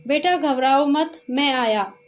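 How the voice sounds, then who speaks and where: A woman voicing a stern landlord father in a read-aloud story, speaking slowly in a high voice. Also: fairly even intonation.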